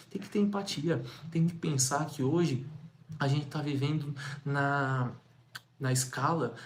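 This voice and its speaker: A young man from Brazil, giving an energetic motivational talk on sales, full of rhetorical questions and repetition. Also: fairly high pitch, slight background noise. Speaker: sales coach.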